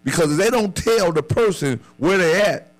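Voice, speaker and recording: A man's voice: high-pitched, animated, normal speed, rough recording. A man arguing in a casual group debate, slangy and often repeating himself to press a point.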